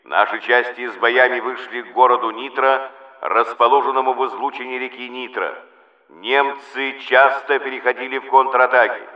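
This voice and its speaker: A man reads a wartime state radio bulletin as a solemn, declamatory announcer, measured and with weighty pauses. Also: mid-range voice, little pitch movement. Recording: old muffled, echoey radio recording.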